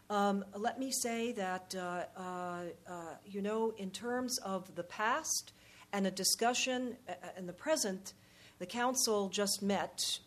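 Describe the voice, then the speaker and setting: A woman giving unscripted answers at a public question session in a halting, measured, diplomatic way. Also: mid-range voice. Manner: halting, measured, diplomatic, frequent pauses and repeated words. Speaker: panel speaker, policy expert or diplomat.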